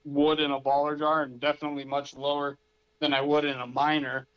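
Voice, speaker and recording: A relaxed man speaks as a guest on a casual call-in interview. His voice sits a little high, and he explains things in plain, easygoing terms. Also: brisk, clear, resonant tone, rough recording.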